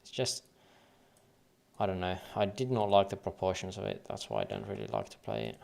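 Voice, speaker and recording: While casually going over trading charts on a livestream, a deep-voiced Finnish man with a light accent and a gravelly, creaky edge thinks aloud and mutters wave counts under his breath. His pitch swoops wildly, his pace is brisk, and his tone is a little mellow.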